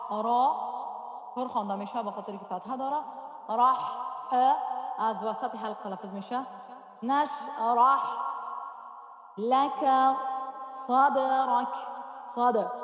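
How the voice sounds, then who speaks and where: A woman's voice: mid-range voice, a little mellow. Woman teaching recitation, echoey hall. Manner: patient, explains step by step, models each sound slowly. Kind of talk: tajweed lesson explanation. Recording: roomy echo with long reverb.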